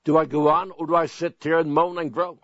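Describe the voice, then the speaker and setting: Earnest older male preacher, fairly high voice. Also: flat delivery, fairly bright tone, no echo. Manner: earnest, pleading, repeats phrases slowly. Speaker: pastor. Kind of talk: sermon. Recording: dull dry broadcast sound.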